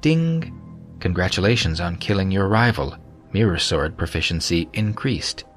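An impersonal system voice announces rewards and completed missions in a formal, even tone, as a male narrator reads it out. Faint music hums behind. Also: deep voice, moderate pace. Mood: announcing.

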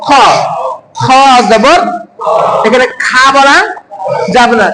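A man with a Bangladeshi Bengali accent teaching Quran pronunciation, calling out letters slowly and loudly for a class to repeat. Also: very high-pitched, very noisy. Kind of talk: call-and-response pronunciation lesson.

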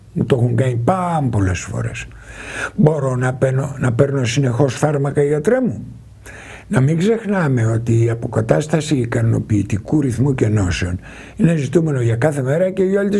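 A man, a doctor, explaining a health issue to viewers in a measured, explanatory way, sometimes putting their questions to them directly. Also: medium pitch, dark tone. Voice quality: very husky, gravelly.

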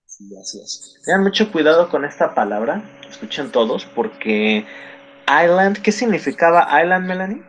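A man's voice: a little high, sing-song, normal speed, husky, low-quality recording. Patient man teaching an English class. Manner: encouraging, corrects pronunciation patiently.

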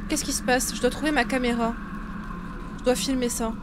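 Young woman, game streamer, slightly high voice, informal muttered reactions, noisy game ambience behind. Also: fairly even intonation, brisk. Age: young adult. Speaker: live streamer playing a horror game. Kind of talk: casual let's play commentary. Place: small room at home, indoors. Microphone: desk microphone close to the mouth.

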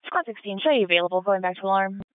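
Female emergency dispatcher, brisk clipped police-radio delivery, narrow scanner sound. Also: medium pitch, lively intonation, no echo. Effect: two-way radio. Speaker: fire dispatcher. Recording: phone-like band-limited scanner radio audio.

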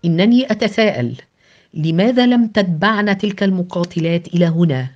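Woman reading a firm calm male leader. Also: on the low side, close to an everyday voice. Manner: firm and measured. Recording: dull lo-fi with background music.

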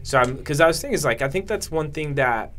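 A man's voice: fairly high pitch, animated, fast talker, fairly bright tone, a little hiss or hum. A young man hosting an interview podcast, talking casually and restarting his questions as he goes, recorded on a desk mic in a small studio. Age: young adult. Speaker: podcast host. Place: small studio with acoustic foam. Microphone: desk mic on boom arm.

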